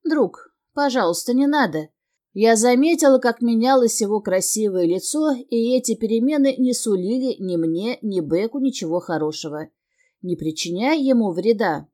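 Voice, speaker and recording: A woman narrating a fantasy novel in the first person with steady, expressive storytelling. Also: a little high, normal speed. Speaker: audiobook narrator.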